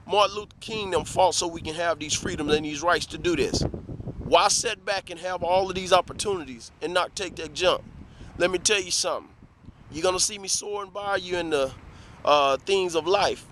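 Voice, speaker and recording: Preachy motivational man, bright voice. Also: fairly high pitch, a little hiss or hum. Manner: preachy, rhetorical questions, repeats "let me tell you something". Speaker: motivational vlogger. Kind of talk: motivational talk to camera.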